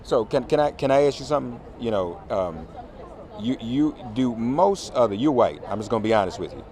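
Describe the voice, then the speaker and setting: A man's voice: mid-range voice, lively intonation, fairly quick, a little mellow. A man hosting street interviews, asking direct, blunt questions outdoors at an election event. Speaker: host and street reporter. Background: crowd.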